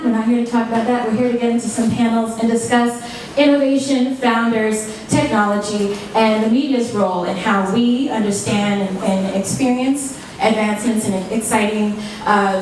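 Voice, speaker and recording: A woman's voice: a little high, a little hiss or hum. A woman host giving upbeat opening remarks at a live event and engaging the audience. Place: large echoey event room indoors. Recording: echoey hall from far off.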